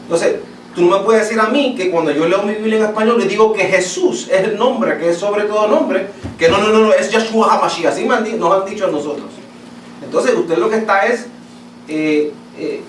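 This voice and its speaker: A man's voice: high voice, normal speed. A Latin American man preaching a sermon as pastor, emphatic and repetitive, often asking his listeners questions. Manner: emphatic, repeats words and asks the congregation questions. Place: church sanctuary. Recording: echoey church hall, voice from a distance, faint room noise.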